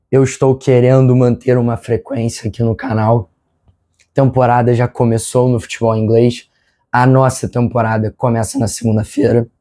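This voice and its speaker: Recording from his bedroom, a Brazilian football fan channel host talks through a laid-back news vlog. He sounds stuffed up and nasal, with a mid-range, mellow yet raspy smoker's voice strained by a sore throat he repeatedly clears, and he rambles on chattily, apologizing as he goes.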